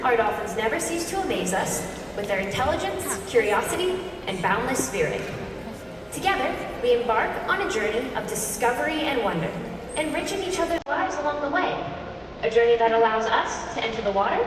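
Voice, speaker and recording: A high-voiced woman delivers scripted, inspirational narration with measured polish. She is heard from far off in a big, heavily echoing venue, with clear background noise. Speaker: show narrator. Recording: echoey venue playback from afar, noisy.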